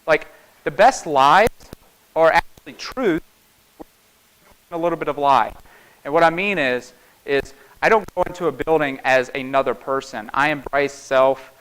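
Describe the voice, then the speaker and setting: A penetration tester from a small town in North Carolina gives an informal conference talk to a live audience in a Southern Appalachian American accent. His voice is on the high side, bright and clean, at a measured pace, folksy and conversational, often adding "right?" and "okay?". The audio quality is poor.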